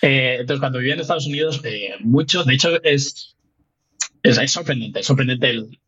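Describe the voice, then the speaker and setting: Husky Spanish man, lively guest chat. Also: medium pitch, normal speed, muffled recording. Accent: Spain Spanish. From Spain. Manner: animated, laughs often, many restarts. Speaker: guest researcher. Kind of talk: casual interview chat.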